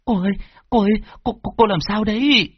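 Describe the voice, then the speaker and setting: A woman's voice: mid-range voice, a little fast, breathy edge, dry recording, close to an everyday voice. A woman voicing a timid young female servant girl in an audio story, stammering and deferential. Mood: anxious. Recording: dull lo-fi dry recording.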